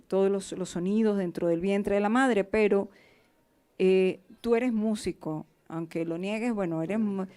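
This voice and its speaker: A woman's voice: fairly low pitch, mellow. Woman host, hesitant, many fillers, café conversation. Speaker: host, interviewer. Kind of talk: conversational interview. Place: café event in Cali.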